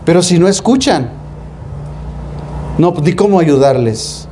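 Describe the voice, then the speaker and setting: A male Mexican pastor with a high, expressive, warm voice delivers a slow sermon in Mexican-accented Spanish, with a faint hiss or hum in the audio. His preaching is folksy and colloquial, drifting into street slang, full of rhetorical questions, and he addresses the congregation as "hermano."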